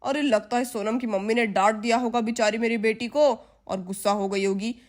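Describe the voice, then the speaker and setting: A drowsy, kindly village father, as a woman puts him on in a lowered voice that still sits high. He sounds worried for his daughter. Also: steady tone, a little fast, close to an everyday voice. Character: sleepy kind village father.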